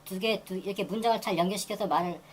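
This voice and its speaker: A woman teaching English grammar in a lecture, repeating phrases and reading example sentences very slowly. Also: medium pitch, slight background noise, low-quality recording. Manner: repeats phrases and restarts while explaining.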